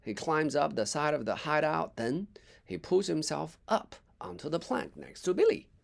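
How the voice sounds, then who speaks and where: Expressive gravelly storybook reader, man. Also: on the high side, normal speed. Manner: expressive with small slips and asides. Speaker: English teacher reading a story. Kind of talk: children's story read-aloud.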